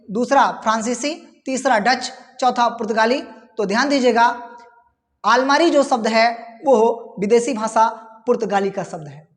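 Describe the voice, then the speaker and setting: High-voiced woman teaching in an echoing room. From India. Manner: reads options out and repeats key words. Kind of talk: exam-prep lesson.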